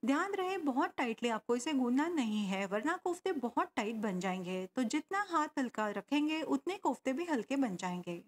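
A woman talks through a home cooking recipe. She explains step by step and adds tips along the way. Her voice is high and swings widely in pitch. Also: big pitch swings, normal speed, few pauses. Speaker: cooking channel host. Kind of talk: recipe voice-over narration.

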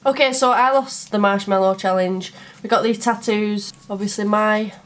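A woman's voice: mid-range voice, steady tone, moderate pace, a bit bright. A British woman in her twenties chatting casually to camera as a vlogger. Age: 20s. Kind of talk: casual chatty vlog banter. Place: small bedroom, indoors.

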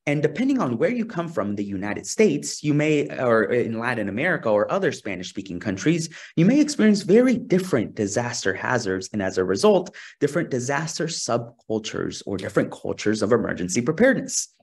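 A man's voice: mid-range voice, sing-song, fairly quick, hardly any pauses, slightly rough. Peru-born man giving a webinar talk. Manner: earnest, asks for next slide, some restarts. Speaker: social scientist presenter. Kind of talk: webinar presentation. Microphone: video call webcam.

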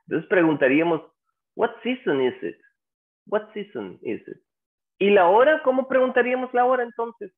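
A man's voice: high voice, phone-quality sound. A man teaching a language class who patiently repeats example phrases and keeps asking his students questions. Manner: asks the class questions and prompts them to answer. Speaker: English teacher.

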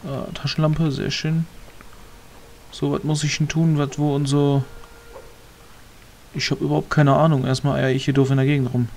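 A man's voice: fairly high pitch, level tone, moderate pace, gravelly, pauses often, darkish tone, slight background noise. A man casually commenting on a game as he plays, rambling, muttering to himself and grumbling a little. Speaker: let's player.

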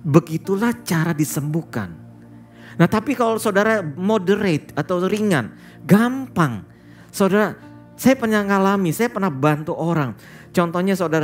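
A man's voice: on the high side, lively intonation, a little slow, soft background music. A male pastor preaching a sermon, telling a story and often addressing the congregation directly, with English words mixed into his speech.

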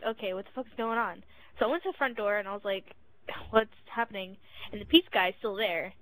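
A woman's voice: medium pitch, fairly bright tone, poor audio. A young woman telling a rambling, chatty story to friends in a casual gaming chat. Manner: rambling, chatty, frequent "freaking". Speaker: gamer in party chat.

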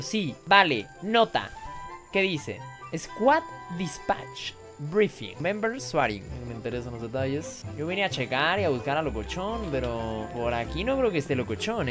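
A woman streamer giving jokey, excitable commentary while playing games. She swears in two languages and often breaks into yelps and shrieks. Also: lowish voice. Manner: jokey, swears in Spanish and English. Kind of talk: gaming commentary. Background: game music.

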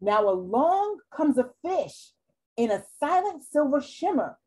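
Woman, storytime reader, highish pitch, very lively intonation, deliberate pace. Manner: expressive, deliberate. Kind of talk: children's picture book read-aloud. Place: small room at home, indoors. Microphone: computer mic on a video call.

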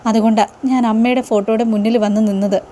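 A woman's voice: mid-range voice, fairly even intonation, fast, warm tone, a little hiss or hum, close to an everyday voice. A woman reading the lines of a tearful, pleading young wife in a plain retelling voice. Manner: earnest, plain retelling of her words.

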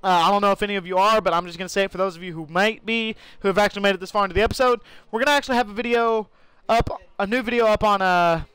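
High-voiced rambling male game streamer. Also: racing, hardly any pauses, fairly bright tone, clear, resonant tone, no room sound. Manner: rambling, swears and laughs while playing. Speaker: gaming streamer. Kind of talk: casual live-stream commentary. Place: home room during a thunderstorm.

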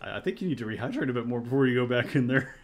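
A man's voice: mid-range voice, lively intonation, racing, slight background noise, natural voice. A man voicing a polite young male gangster underling while reading game dialogue aloud. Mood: politely puzzled.

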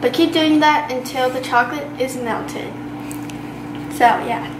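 Against very noisy surroundings, a teenage girl describes a recipe in her kitchen at home, her high voice steady and measured. The roomy space echoes with clattering dishes, a camera sits nearby, and her loose, chatty explanation is full of "like" and "um."

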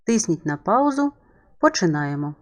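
A woman's voice: on the low side, big pitch swings, moderate pace. A woman math teacher giving a remote lesson voice-over, explaining each step patiently to young pupils.

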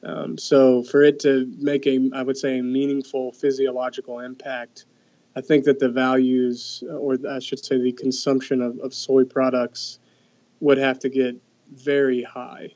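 A man's voice: mid-range voice, completely flat delivery, measured pace, a little mellow, highs cut off. A young man, a researcher, explaining his study findings in casual talk, with many "um"s and restarts. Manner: hesitant, many fillers and restarts. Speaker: guest researcher. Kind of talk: conversational expert explanation.

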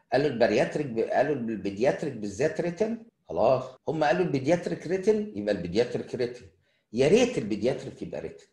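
A man's voice: medium pitch, darkish tone, echoey room. A middle-aged man with an Egyptian Arabic accent giving a casual surgery lecture, chatting to students and answering their questions.

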